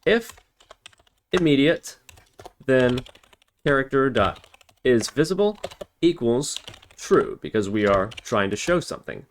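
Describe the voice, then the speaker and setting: This man's casual programming tutorial goes step by step at a measured pace, with frequent pauses. He has an animated mid-range voice, reasons aloud while typing and corrects himself, and the recording is noisy with keyboard typing and clicks.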